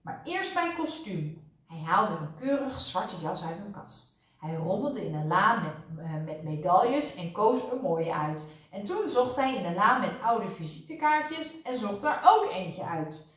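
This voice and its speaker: A woman's voice: mid-range voice, animated, unhurried, recorded from a distance. A woman, a teacher, reading a children's storybook aloud expressively. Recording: roomy echo, voice off-mic.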